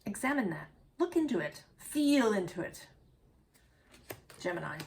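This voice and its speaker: A woman's voice: mid-range voice, very animated, measured pace, darkish tone, a little hiss or hum. A woman giving a casual, reflective tarot reading, musing aloud and correcting herself as she goes. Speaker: tarot reader.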